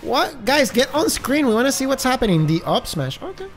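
A man streaming a game, commentating casually with an accent, excitable, gasping and shouting, swearing freely. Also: very high voice, fairly quick, soft background music. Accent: some accent. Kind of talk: live gaming stream commentary.

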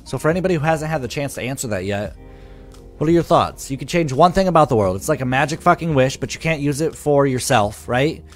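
A man's voice: medium pitch, expressive, fast, faint music behind. A man live streaming, chatting casually with his viewers, swearing freely and reading their comments aloud. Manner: loose, profane, reads chat comments aloud.

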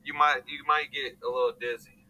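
A man's voice: medium pitch, little pitch movement, brisk, sharp tone, muffled recording. A man doing casual vlog talk to the camera, rambling and joking, calling people "bro". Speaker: vlogger.

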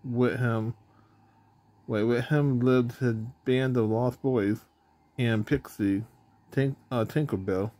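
A man with a voice of ordinary pitch reads a children's storybook aloud. His reading is plain, with small slips that he stops to correct. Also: dark tone, dry recording. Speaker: storybook reader.

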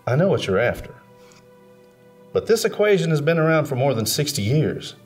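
An actor playing a knowing physicist colleague in a film drama, speaking in a gently teasing way. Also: male voice, a little high, very animated, moderate pace, soft background music. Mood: wry.

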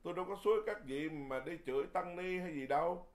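A man who is a Buddhist monk, giving a Dharma sermon in a lively, folksy way, often repeating words and chuckling. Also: on the high side, quick pace.

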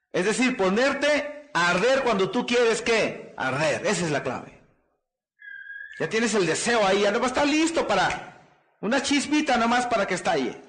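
This man's voice sits high with a touch of brightness. Playing the motivational speaker at a seminar, he delivers preachy, repetitive rallying lines and keeps prompting the audience with "¿qué?" and "¿verdad?"

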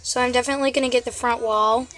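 A young woman hosts a gaming channel, casually narrating her gameplay in a fast, slightly bright, fairly high voice with fairly even intonation. She's chatty and keeps calling out to her viewers as "guys."

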